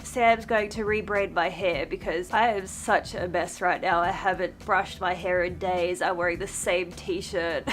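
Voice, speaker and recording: A woman's voice: lowish voice, measured pace, few pauses, faint music behind. Young woman vlogging with a blocked, congested nose. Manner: animated, candid storytelling with acted-out quotes. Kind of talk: casual vlog chat.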